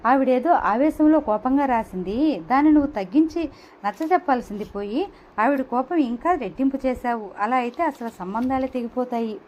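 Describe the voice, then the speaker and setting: A woman reading the part of a calm young man who patiently reasons with and gently scolds a friend, in an audio novel. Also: sits high, normal speed, lightly acted. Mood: gently reproving. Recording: dull lo-fi with faint hiss.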